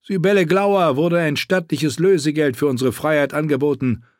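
A man's voice: a little high, normal speed, a little mellow, no room sound, voice pushed up, close to an everyday voice. A man doing a loyal young soldier who reports in a firm, respectful voice, lifted above his own. The sound is close and dry. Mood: earnest.

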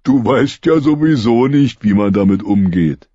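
A man's voice: medium pitch, animated, a little slow, mellow, dry recording, pitched above the performer's own voice. A man voicing a fat, sunburned orphan boy who greedily taunts and bullies. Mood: taunting. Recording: slightly muffled recording.

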